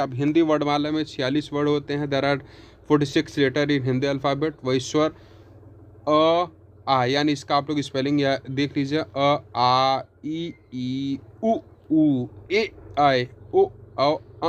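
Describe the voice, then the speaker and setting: A man teaching pronunciation, who addresses viewers as friends and reads English sentences slowly, word by word. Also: a little high, fairly even intonation, clear, resonant tone. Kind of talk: spoken pronunciation lesson.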